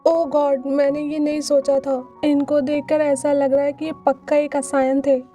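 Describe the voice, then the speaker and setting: A woman's voice: high-pitched, flat delivery, unhurried, mellow, faint music behind. A woman voicing a small, outspoken princess girl in a storybook retelling. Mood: earnest.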